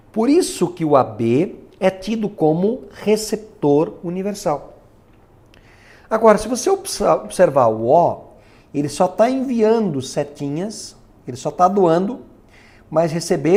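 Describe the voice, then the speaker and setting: A male teacher, his voice a bit higher than most men's. His pitch swings widely as he leads students through each step with rhetorical questions. He talks as he works at a board. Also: darkish tone. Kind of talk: recorded lesson explanation.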